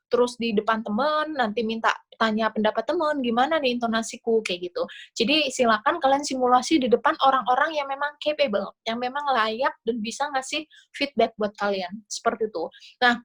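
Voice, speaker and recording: A woman with an Indonesian accent gives casual, chatty advice to a class on a video call. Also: fairly high pitch. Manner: casual, chatty explaining with fillers. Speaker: scholarship interview coach. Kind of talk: online class talk.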